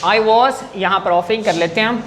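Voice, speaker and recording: A man's voice: high voice, fairly bright tone, slight background noise. A man teaching an English grammar lesson in class, patient and coaxing, often checking whether students follow.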